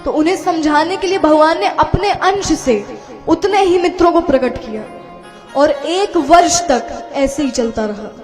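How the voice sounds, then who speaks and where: A woman storyteller narrating a devotional tale in a lively, dramatic way. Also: high-pitched, a little slow, soft background music.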